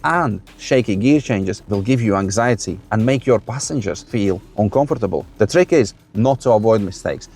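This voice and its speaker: Male driving instructor talking through steps, background music. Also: medium pitch. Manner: talks like a driving instructor, calmly narrating each action. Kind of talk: step-by-step instructional demonstration.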